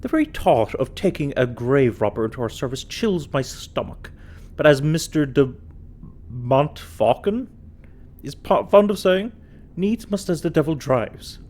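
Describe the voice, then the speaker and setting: A man doing a haughty posh British gentleman with a put-on upper-class accent. His reading is pompous and condescending, the voice of a letter writer looking down on its reader. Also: a little high, lively intonation, a little slow. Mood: haughty, scornful.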